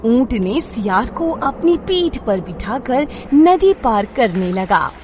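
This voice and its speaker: A woman narrating a children's moral story in a scripted, expressive way. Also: fairly high pitch, slow pace, slight background noise.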